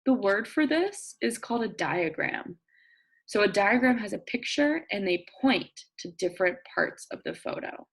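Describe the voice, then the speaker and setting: A woman reads a nonfiction book aloud in the manner of a young children's teacher, expressive and deliberate. She often poses questions to listeners and thinks aloud through simple explanations, her medium-pitched voice slightly rough.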